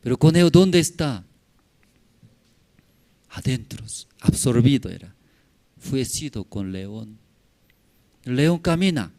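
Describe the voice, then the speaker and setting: Slow-preaching pastor, Spanish. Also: male voice, mid-range voice, sing-song, dark tone. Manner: halting non-native Spanish, tag questions to the congregation. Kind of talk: sermon. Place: church in La Paz.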